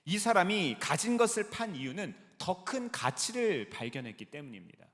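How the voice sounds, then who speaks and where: A male pastor preaching a sermon, with lively delivery and rhetorical questions put to the congregation. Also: high voice, moderate pace. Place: large church sanctuary. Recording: long reverb of a large sanctuary.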